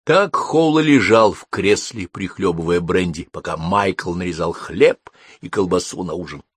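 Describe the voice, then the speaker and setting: A man narrating a storybook as an audiobook, with expressive storytelling. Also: sits low, normal speed, breathy edge, dry recording, clean studio sound.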